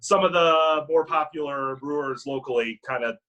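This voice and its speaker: A man talking casually as an interviewer in a relaxed, informal chat. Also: a little high, normal speed.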